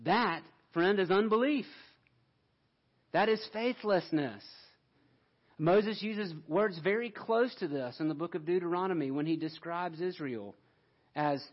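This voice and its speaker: A man's voice: high-pitched, a little slow, dull audio. A man preaching a sermon in a conversational way, with asides to the congregation and frequent restarts. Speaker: pastor.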